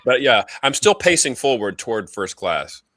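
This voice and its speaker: A man playing in a tabletop role-playing game, describing his character's actions in a relaxed, easygoing way. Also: mid-range voice, moderate pace, dry recording. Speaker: player.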